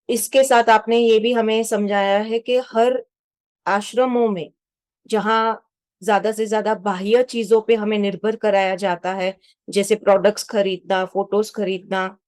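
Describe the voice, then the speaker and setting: A woman, interviewing a teacher and calmly summing up his points. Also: medium pitch, dry recording. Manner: measured, sums up the teacher's points. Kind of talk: summarizing questions in a conversation.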